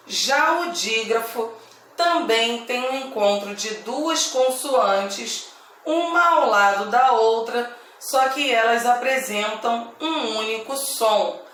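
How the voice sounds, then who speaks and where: Brazilian woman teacher, very slow careful speech, slightly high voice, echoey room, distant mic. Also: fairly bright tone, slight background noise. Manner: slow, deliberate, repeats each word, frequent "tá?". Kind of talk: slow Portuguese grammar lesson for children.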